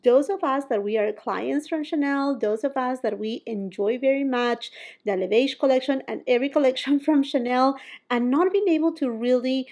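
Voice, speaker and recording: Woman, 30s, beauty vlogger, casual chat, slightly high pitch. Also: normal speed. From Peru. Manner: chatty, laughs often, quotes herself in lively asides.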